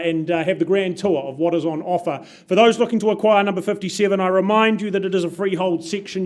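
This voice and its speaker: A man runs a live property auction. His delivery is polished, emphatic salesmanship, addressed to buyers. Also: sits high. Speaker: real estate auctioneer.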